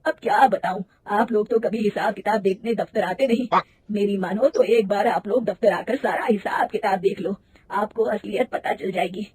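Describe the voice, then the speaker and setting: A woman's voice: mid-range voice, moderate pace, darkish tone, slight background noise, natural voice. A woman voicing a friendly old male clerk in a cartoon story, talking in a confiding, worried way.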